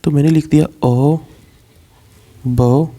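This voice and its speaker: A male teacher giving an animated literature lesson, acting out a scolding elder brother with rhetorical questions, then explaining step by step. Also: fairly high pitch, slow.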